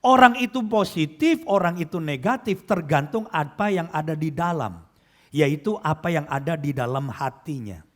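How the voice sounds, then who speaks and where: A male pastor preaching a sermon, often putting questions to the congregation and calling them brothers and sisters, slowing down on key phrases. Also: a little high, expressive.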